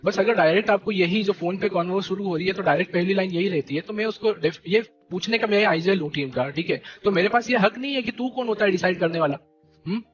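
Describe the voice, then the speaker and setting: A young man leading a gaming team, ranting to his stream viewers in an animated, indignant way and repeating fillers. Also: high voice, fast, lo-fi sound, music in the background. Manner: animated and indignant, keeps repeating "theek hai" and "bhai". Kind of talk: heated live-stream rant.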